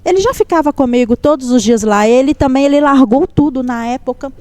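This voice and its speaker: A woman with a high voice gives a heartfelt personal testimony. She tells it in a lively way and acts out each line of dialogue as she goes. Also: fairly quick, dry recording. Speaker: guest giving a testimony.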